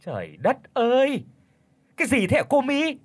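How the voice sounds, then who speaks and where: A man voicing a spiteful old woman, a bullying mother-in-law, in a shrill, sharp-tongued scolding voice. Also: very animated, husky, heavily acted. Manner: scolding, fast accusing questions. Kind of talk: audiobook character voice.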